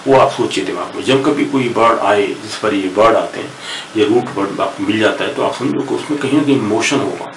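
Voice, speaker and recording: A man's voice: lowish voice, brisk, few pauses. An older man with an Indian English accent, a professor giving a lecture on word roots in a mix of Hindi and English. He explains patiently, repeating words and spelling them out. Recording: echoey room, distant mic, noisy.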